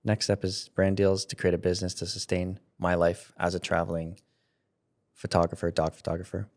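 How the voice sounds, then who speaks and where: A man in his thirties, a content creator appearing as an interview guest on a studio mic with headphones, talks casually in a low, slightly mellow voice. His delivery is completely flat and fairly quick, and he rambles, restarts sentences and laughs often.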